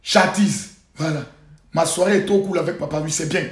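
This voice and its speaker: Man, high-pitched, preachy live-stream scold, phone mic in an echoey room. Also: normal speed. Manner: preachy, scolding rants with loud outbursts and sudden quiet asides. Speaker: livestream host. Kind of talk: live social-media monologue. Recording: roomy echo.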